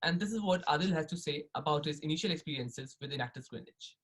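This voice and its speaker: A man's voice: fairly high pitch, quick pace, fairly bright tone, poor audio. A man who is a student presenter, reading a prepared script for a presentation.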